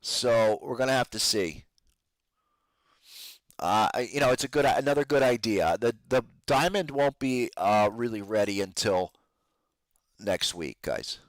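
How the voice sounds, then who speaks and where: A man hosting a trading podcast delivers casual live stock market commentary a little slowly, with lively intonation and long pauses, in a medium pitch with no echo. He addresses his listeners as "guys" in informal trader slang, his voice strained and giving out.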